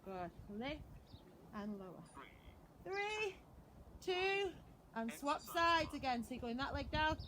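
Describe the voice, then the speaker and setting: A woman's voice: high-pitched, big pitch swings, takes it slowly, pauses often, pushed and bright. A woman fitness instructor leading a live workout class with short repeated commands, counts and encouraging cues. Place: outdoors in a back garden.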